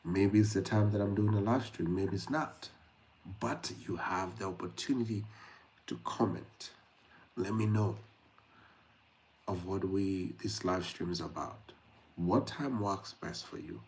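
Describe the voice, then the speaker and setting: In rough-sounding audio, a young man from Kenya talks casually to viewers on his late-night YouTube livestream, dropping in frequent fillers. He has a deep, somewhat mellow voice and keeps a measured pace.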